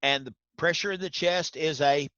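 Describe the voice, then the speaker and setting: A man's voice: a little high, normal speed, bright, forceful tone, no room sound, muffled recording. A man teaching an online class, folksy, quizzing students by name. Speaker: instructor.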